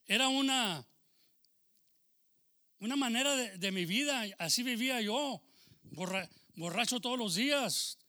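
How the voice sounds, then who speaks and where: A man preaching a sermon, shifting between loud proclaiming and quiet, confiding testimony. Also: very high-pitched, animated, a little slow, long pauses. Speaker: pastor.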